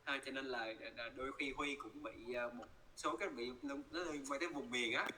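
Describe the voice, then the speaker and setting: Man, Vietnamese accent, English teacher, very bright tone, repeats words slowly, mixes languages. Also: mid-range voice, slight background noise, rough recording. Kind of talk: pronunciation coaching.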